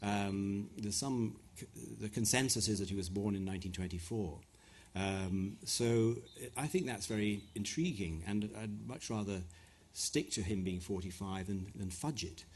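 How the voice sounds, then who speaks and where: Speaking before an audience at an event venue, a middle-aged author from West Africa (Ghana, Nigeria) fields questions at a live talk. His voice is fairly low, a little mellow and husky, at a measured pace with hardly any pauses, though his answers are thoughtful, hesitant and full of restarts.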